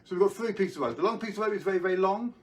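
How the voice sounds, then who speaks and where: A man's voice: sits high, very fast, far from the mic. A man hosting a live online magic show from home, chatting casually and greeting viewers by name. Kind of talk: casual live-stream chat.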